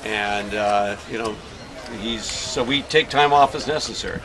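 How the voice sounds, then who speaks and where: With a crowd audible behind him, a middle-aged man speaks at a measured pace in a lowish voice. He's a sailor whose child races, and in this noisy outdoor interview he rambles through stories full of fillers.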